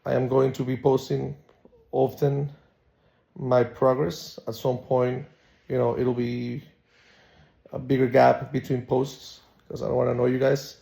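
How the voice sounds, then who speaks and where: A man talking casually to viewers in a personal vlog, subdued and measured, often pausing to search for words. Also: medium pitch, flat delivery, creaky, mellow. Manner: halting, searching for words with pauses. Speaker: patient recording a recovery vlog.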